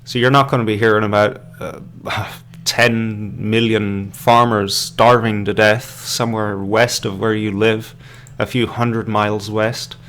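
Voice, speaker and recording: An Irish podcast host rambles through a live stream in a lowish, flat voice, a little slow and a bit bright, with some hiss or hum in the background. His casual commentary is hesitant and full of fillers and restarts, and he sips beer as he talks.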